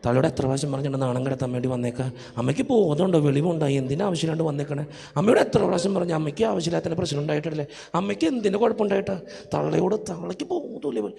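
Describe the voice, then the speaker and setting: A man acting out an angry young man who scolds his mother with harsh, rapid questions. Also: a little high, gravelly, mellow, in a large hall, pitched below the performer's own voice. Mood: angry scolding.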